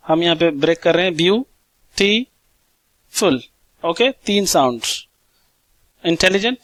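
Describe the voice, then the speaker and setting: A man with a fairly high voice teaches a grammar lesson, explaining in Hindi and dropping in English terms. He asks his own questions, answers them, and slows right down to spell out word forms and clap out syllables. The sound is close and dry, with no room to it. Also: no room sound, low-quality recording. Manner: repeats word forms slowly, clapping out syllables.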